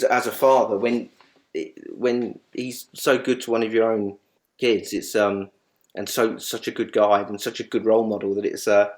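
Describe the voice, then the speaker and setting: A man being interviewed, reminiscing about a late colleague in a rambling, halting way with many restarts, growing animated when he retells funny stories. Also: lowish voice. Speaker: guest.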